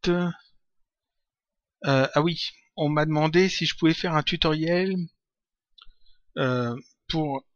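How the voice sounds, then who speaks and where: A man answering viewer questions in a casual software tutorial, talking hesitantly with many fillers and restarts. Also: fairly high pitch, no room sound, dull audio. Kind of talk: casual screen-recorded Q&A.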